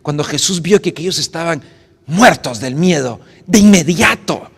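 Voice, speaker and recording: A man's voice: on the high side, lively intonation, normal speed, gravelly, a bit bright, breathy edge. A male pastor preaching a dramatic sermon in a church, acting out scenes and asking the audience questions. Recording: echoey church hall.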